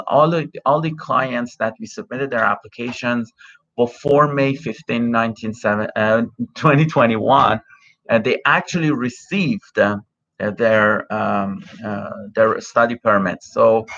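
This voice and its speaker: A middle-aged immigration consultant whose first language is Farsi hosts a livestream Q&A, reading and answering viewer questions. His mid-range voice sounds pushed and bright, and he hesitates with many fillers and restarts. He speaks into a cell phone, so the audio is dull and lo-fi.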